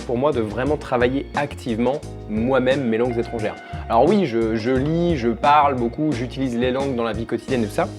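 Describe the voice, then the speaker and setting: A young French man talking casually to his camera in a home vlog, chatty, with restarts and fillers. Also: mid-range voice. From France. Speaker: vlogger and language teacher.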